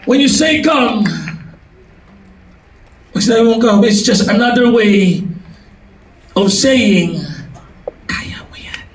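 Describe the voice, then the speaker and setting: A man with a Filipino accent preaching a youth sermon, often shouting and calling for amens, switching between English and Tagalog. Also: extremely high pitch, takes it slowly, long pauses. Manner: shouting, calls for amens from the crowd; mixes English and Tagalog mid-sentence. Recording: echoey hall, voice far from mic, crowd and noise.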